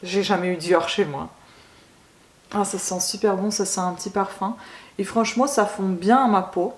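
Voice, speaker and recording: A woman's voice: medium pitch, normal speed. Gushing woman in an echoey room. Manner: gushing, keeps saying she loves it; hesitant, many filler sounds. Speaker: beauty vlogger. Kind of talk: casual unboxing vlog.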